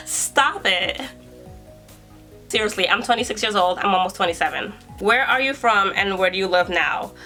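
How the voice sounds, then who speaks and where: Young woman from New York, bright crisp voice, breezy self-assured chat, faint music behind. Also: medium pitch, expressive, normal speed. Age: 20s. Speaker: YouTuber and hairstylist. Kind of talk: casual Q and A vlog.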